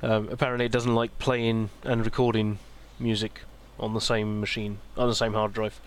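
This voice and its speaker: A man's voice: on the low side, little pitch movement, moderate pace, smooth. A man co-hosting a casual podcast, chatty, laughing easily and tripping over his words. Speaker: podcast co-host. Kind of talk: casual chat.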